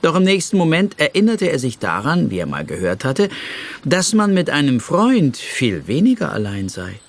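Male storyteller for kids, husky and animated. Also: a little high, moderate pace. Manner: expressive, storytelling. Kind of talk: children's story reading.

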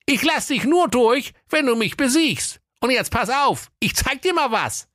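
A man's voice: very high voice, expressive, a little slow, bright, forceful tone, dry recording, clean studio sound, voice pushed up, full character voice. A man voicing a brash, blustering male ninja who is secretly cowardly, in a comic fairy tale. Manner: brash, insulting.

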